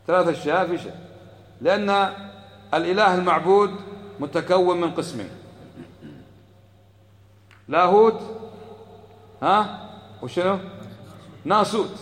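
A man's voice: high voice, fairly bright tone. A man giving an Islamic lesson to a live audience, calling on listeners to repeat after him and answering his own questions. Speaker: religious teacher. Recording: echoey hall with long reverb.

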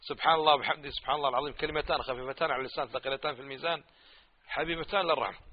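A man's voice: on the high side, fairly even intonation, racing, in a large hall, muffled recording. A male preacher, giving a religious lecture and arguing with a run of mocking rhetorical questions.

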